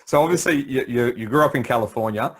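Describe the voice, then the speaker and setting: A man's voice: medium pitch, fast talker, fairly bright tone, breathy edge. A man hosting an interview, asking questions, stammering at the start of sentences and backing up the guest with short agreements. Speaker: interview host. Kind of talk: casual interview chat.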